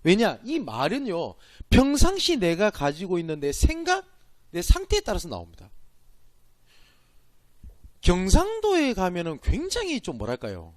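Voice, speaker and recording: Gyeongsang guy preaching a training talk, kinda high voice, asks himself questions then answers. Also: wildly swooping pitch, a little slow, no echo. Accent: Gyeongsang Korean. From Gyeongsang Province, Korea. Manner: emphatic, asks and answers his own questions. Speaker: pastor. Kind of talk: church training lecture.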